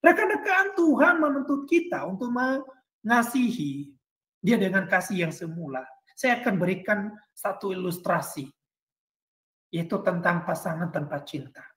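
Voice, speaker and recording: A woman pastor preaching a sermon in an animated way, acting out dialogue. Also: medium pitch, a little slow, reverberant.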